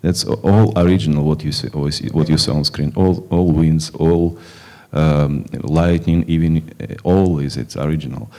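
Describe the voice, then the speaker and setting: A film director from Kazakhstan answering festival questions in halting, non-native English with many fillers and restarts. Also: male voice, extremely low pitch, steady tone, warm tone. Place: film festival stage before an audience.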